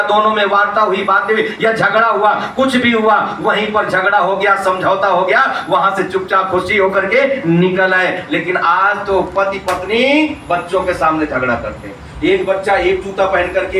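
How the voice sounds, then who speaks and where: A man from Uttar Pradesh preaches with a high, bright, ringing voice. He keeps asking the congregation questions and answering them himself. The sound comes from a mic set well back in a roomy, echoing hall, with faint noise behind. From Uttar Pradesh, India. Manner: tells everyday stories to make moral points. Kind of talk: sermon. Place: religious hall. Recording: echoey hall, distant mic.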